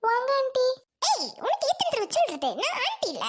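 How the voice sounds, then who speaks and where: A woman's voice: very high voice, huge pitch swings, fairly quick, very noisy, pitched above the performer's own voice, exaggerated voice. A woman voicing a cheeky young woman friend who teases and bosses others about, in a comic family skit. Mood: bossy. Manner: teasing and bossy.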